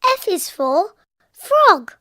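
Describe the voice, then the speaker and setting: A cheerful little cartoon piglet girl, giggling and chanting in a very high, wildly swooping voice. She drags each word out slowly, with soft music playing underneath. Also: big pitch swings, no room sound, clean studio sound, full character voice. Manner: giggly, sing-song, slow and deliberate. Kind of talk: cartoon voice acting, reciting the alphabet.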